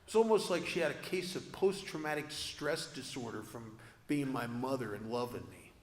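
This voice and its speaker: A man's voice: medium pitch, expressive, normal speed. Confessional man speaking in an echoey hall. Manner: earnest, confessional, self-deprecating humor. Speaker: speaker at a recovery convention. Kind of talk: personal recovery talk to an audience. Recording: echoey hall with long reverb.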